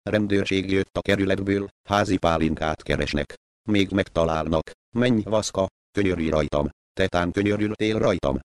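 A frightened young village woman pleads urgently in a storybook reading, as a male narrator lends her his low voice. The sound is dry and close. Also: smooth, no room sound, close to an everyday voice. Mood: pleading.

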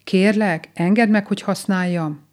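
A woman voicing a gentle, homesick young grey rabbit in a storybook reading, speaking softly and wistfully. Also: mid-range voice, steady tone, pitched above the performer's own voice, natural voice. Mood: pleading. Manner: soft, pleading and wistful.

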